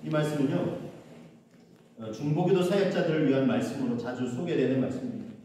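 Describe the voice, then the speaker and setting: A man's voice: medium pitch, a little fast, warm tone, a little hiss or hum. A man preaching a sermon as a pastor, asking the congregation questions as he goes. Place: church sanctuary. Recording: echoey church hall, mic from a distance.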